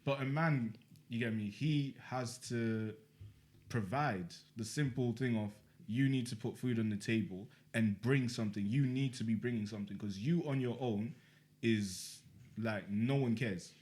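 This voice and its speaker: A man's voice: mid-range voice, unhurried, a little mellow. A young man co-hosting a podcast, laid-back and slangy in casual chat. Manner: laid-back, slangy, says bro a lot. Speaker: podcast co-host.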